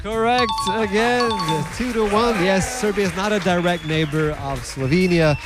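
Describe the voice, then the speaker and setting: Male quiz host, high-pitched, friendly and joking, faint music bed. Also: fairly even intonation, moderate pace. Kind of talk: outdoor radio quiz chat.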